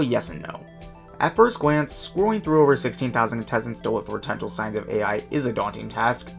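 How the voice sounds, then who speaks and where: Brief: male YouTuber, casual narration, quick and chatty, faint music behind. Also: medium pitch, creaky. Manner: quick, self-mocking and chatty. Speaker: YouTuber and documenter.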